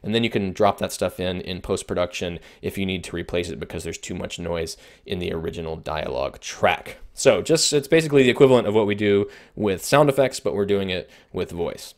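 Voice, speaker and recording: A man's voice: sits low, a little fast, hardly any pauses. A man explaining audio recording techniques in a conversational lesson, with frequent fillers and restarts. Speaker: instructor. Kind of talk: video production lesson.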